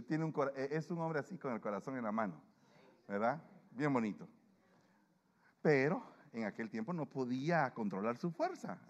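A male pastor preaching to his congregation and leading communion, lively and acting out the voices of people he quotes. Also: mid-range voice, big-room sound. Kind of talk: sermon and communion prayer. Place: church.

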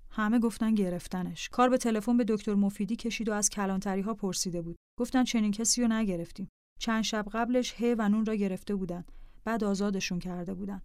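Calm woman reading a diary aloud. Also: medium pitch, smooth, no echo, studio quality. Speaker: narrator. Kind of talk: scripted memoir narration.

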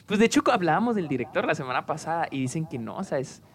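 A man with a Mexican accent co-hosting a casual podcast chat, rambling and halting with lots of filler words. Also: fairly high pitch, big pitch swings. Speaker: podcast co-host.

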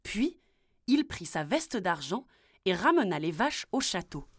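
A woman's voice: on the low side, breathy edge, dry recording, studio quality. A woman reading a children's fairy tale aloud as a storyteller. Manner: slow, expressive storybook telling.

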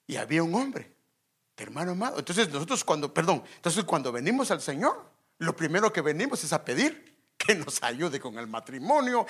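A preacher delivering a sermon with a husky, forceful voice whose pitch swings widely. The delivery is emphatic and speaks straight to the congregation, often with rhetorical questions. It rises and presses on key points. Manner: lively, emphatic.

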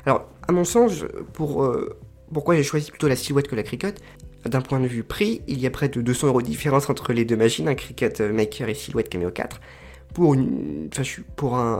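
A man explaining crafting tools casually to his viewers, hesitant and pausing often to search for words. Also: mid-range voice, a little mellow. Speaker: crafting video creator. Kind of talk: casual explanatory talk to camera.

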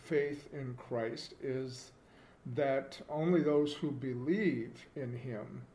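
A man co-hosting a casual theological discussion, speaking in a measured, reflective way with many fillers. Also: mid-range voice, dark tone. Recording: roomy echo with faint noise.

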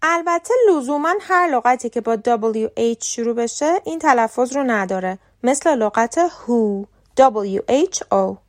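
A woman from Iran hosting a scripted podcast lesson on English pronunciation, speaking clearly and carefully and slowing down to spell out example words. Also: on the high side, expressive.

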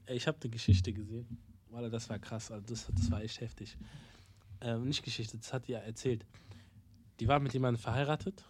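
A young man in a casual podcast chat, telling a story with slang and pausing to search for words. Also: mid-range voice, level tone, slight background noise.

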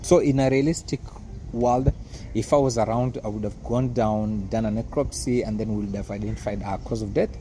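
A man, a scientist explaining his work in a measured, matter-of-fact interview style. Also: lowish voice, steady tone, mellow, slight background noise. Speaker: marine conservation scientist.

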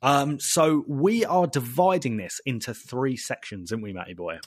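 A man's voice: mid-range voice, moderate pace, dry recording, studio quality. A man with an Essex accent hosting a casual podcast with blokey, enthusiastic banter. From Essex, England. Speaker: podcast host.

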